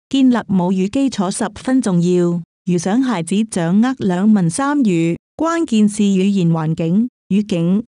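A woman reading a newspaper column aloud in an even, steady recital. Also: medium pitch, no room sound, clean studio sound. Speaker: reader.

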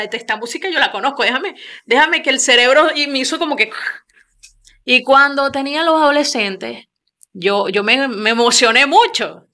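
A young woman with a Venezuelan accent, hosting a studio interview and telling stories in a lively, gesturing way at a close desk mic. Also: high voice. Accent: Venezuelan Spanish. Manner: lively storytelling with many repeats and hand gestures. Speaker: radio host. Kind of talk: casual interview talk. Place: small studio with screen backdrop.

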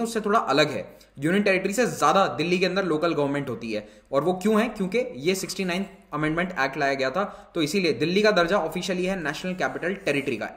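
A man's voice: a little high, fairly bright tone, echoey room. A male educator giving an explanatory exam-prep lecture, switching between Hindi and English terms. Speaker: civil services exam educator. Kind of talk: lecture with course promotion.

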